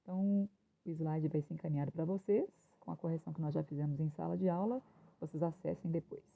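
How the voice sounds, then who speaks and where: A woman's voice: sits low, fairly even intonation, fast, creaky. A woman teacher reads a children's play aloud to her class and explains its stage directions, adding short tag questions. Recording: tinny phone-like audio.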